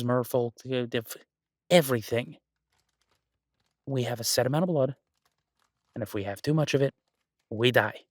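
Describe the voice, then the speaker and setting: In a roleplay audio, a man plays an exasperated but affectionate human boyfriend who works as a restaurant chef for supernatural guests. His mid-range, everyday-sounding voice rants incredulously and conversationally to his partner, emphatic with repeated words. The recording is studio quality with no room sound.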